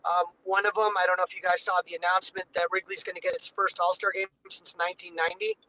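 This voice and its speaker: A man with a high, creaky, pushed and bright voice talks fast as a podcast guest covering the Cubs, joining over a video call whose connection keeps breaking up. The casual baseball chat is loose and conversational, full of "you know" fillers, and the low-quality recording has slight background noise.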